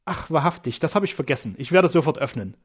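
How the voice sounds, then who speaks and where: A man's voice: a little high, expressive, fast talker, breathy edge. A man reading an audiobook voices a proud doctor who speaks in a composed, dignified way.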